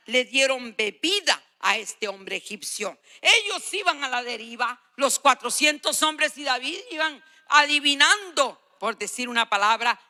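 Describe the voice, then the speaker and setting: This woman, a guest preacher in her sixties or beyond, uses a high voice with a sharp tone. Her sermon is emphatic and exhorting, with phrases repeated for weight.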